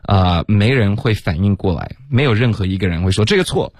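A male English teacher on a radio lesson, his voice sitting very low. He explains pronunciation and mixes in English phrases. The sound is close and dry with no room. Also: lively intonation, no echo. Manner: mixes English words into his talk, models words slowly.

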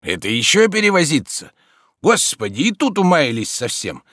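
A man's voice: fairly high pitch, huge pitch swings, moderate pace, a bit bright, no echo, studio quality, pitched above the performer's own voice, exaggerated voice. A man voicing a grumbling old servant. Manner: grumbling, ironic. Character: grumbling old male servant, stubborn and sly.

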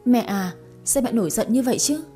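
A woman's voice: fairly high pitch, animated, a little fast, mellow, faint music behind, close to an everyday voice. A woman voicing a frightened daughter of about twenty who speaks meekly and pleads. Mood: pleading. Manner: meek, pleading.

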